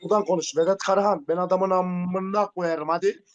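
A young man with a fairly high voice hurls crude threats on a live stream. He keeps hammering the same lines again and again, belligerent and relentless. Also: fairly even intonation, a little fast, dull audio. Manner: belligerent, profane, repeating his threats. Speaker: livestreamer. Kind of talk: heated live-stream confrontation. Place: Antalya.

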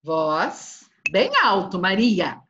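A middle-aged woman teaching Portuguese in an online class, drilling verb conjugations, calling on students by name and praising them briskly. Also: on the low side, animated, fairly bright tone, slight background noise. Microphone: video call. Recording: dull, lo-fi video call audio.

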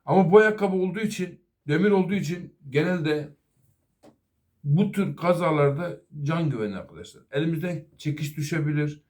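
A middle-aged master auto mechanic with a fairly high, darkish voice speaks a little fast as he gives an earnest safety talk to coworkers and apprentices. He advises them sincerely, addressing them again and again as "arkadaşlar".

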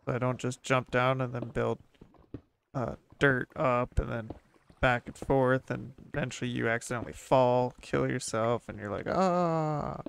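A man's voice: medium pitch, little pitch movement, moderate pace, vocal fry, fairly bright tone, a little hiss or hum. A man casually commenting to himself while playing a video game, with hummed tunes and little sound effects. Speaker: gaming channel host. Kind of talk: relaxed gameplay commentary.

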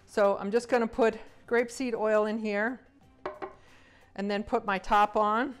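A woman's voice: medium pitch, measured pace, music in the background. Middle-aged woman chef demonstrating recipes. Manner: relaxed, enthusiastic, with fillers. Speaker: cruise line executive chef. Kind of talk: cooking demonstration. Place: large home kitchen.

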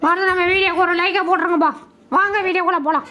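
A woman's voice: very high voice, fairly even intonation, rapid-fire, sharp tone. A woman dubbing funny inner thoughts of pets in a playful, teasing, chatty way. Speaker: comedy pet video narrator. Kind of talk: comic mind-voice dubbing of pets.

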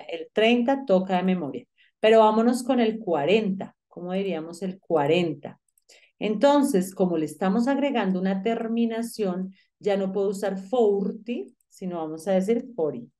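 A woman teaching English numbers, speaking to the student directly and repeating each number slowly so it can be drilled. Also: mid-range voice, mellow. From Colombia. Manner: addresses the student directly, with frequent "pilas" and "listo". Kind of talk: online English lesson.

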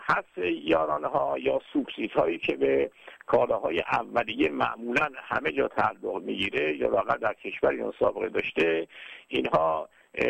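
Gravelly husky man talking politics, formal and halting, dull lo-fi sound. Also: medium pitch, no echo. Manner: measured, formal, frequent hesitations. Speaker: political commentator. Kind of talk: lecture-style political commentary with slides.

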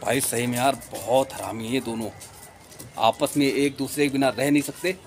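A man's voice: mid-range voice, steady tone, moderate pace, faint music behind. A man vlogging with his dogs on a rooftop, teasing them playfully and chatting casually to viewers on a handheld phone. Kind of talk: casual pet vlog. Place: rooftop, outdoors.

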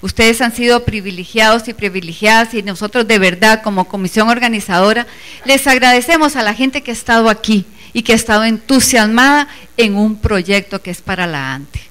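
A woman on the organizing committee makes an earnest, emphatic speech at a teachers' meeting, including the whole audience as she speaks. She talks briskly, in a fairly bright, slightly high voice.

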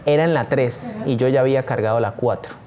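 A man's voice: medium pitch, brisk, a crowd in the background. A man teaching a screen-share tutorial, talking eagerly and straight to his viewers. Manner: enthusiastic, addresses viewers directly.

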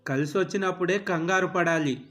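A man voicing a sharp-tongued middle-aged mother who scolds her son and dotes on her daughter-in-law. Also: high-pitched, fairly quick, soft background music. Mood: scolding. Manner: scolding, name-calling.

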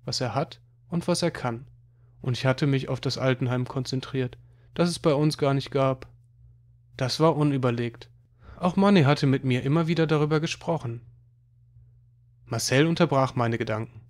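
A man reading a children's money book aloud as audiobook narration, in an even storytelling manner. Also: medium pitch, moderate pace. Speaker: audiobook reader.

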